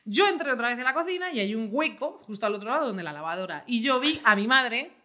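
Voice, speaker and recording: A young woman with a bright, forward voice that sits a little high. She hosts a casual chat and tells her stories with lively drama, even acting out her own panic. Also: fast. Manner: animated storyteller, acts out her own panic. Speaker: podcast host.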